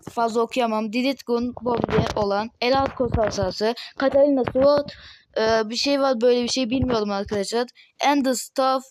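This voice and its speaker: A woman's voice: on the high side, slight background noise, low-quality recording. A young woman from Turkey casually narrating a game mod showcase, rambling with constant fillers and addressing her viewers again and again. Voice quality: voice tone altered, may sound odd. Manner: rambling, says "arkadaşlar" constantly, many fillers. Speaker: gaming channel host.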